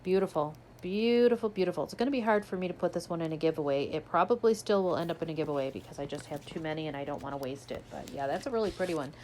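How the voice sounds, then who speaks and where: A woman's voice: low-pitched, racing, hardly any pauses, a little mellow, slight background noise. A woman chatting casually as she unboxes a subscription box, describing each item as she pulls it out. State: hiccuping. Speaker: unboxing vlogger.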